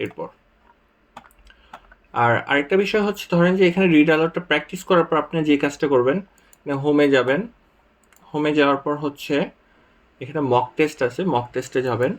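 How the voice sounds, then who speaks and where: A young man with a Bangladeshi Bengali accent talks through a tutorial in a slightly high voice. He explains patiently and repeats each point, going through worked examples one step at a time. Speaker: exam prep tutor. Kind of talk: screen-share tutorial explanation.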